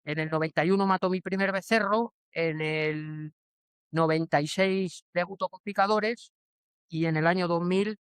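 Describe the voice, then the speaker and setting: Spanish man in his forties, smooth and halting. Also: sits high, steady tone, no echo. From Spain. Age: 40s. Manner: hesitant, many restarts and fillers. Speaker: bullfighter guest. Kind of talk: casual interview answers.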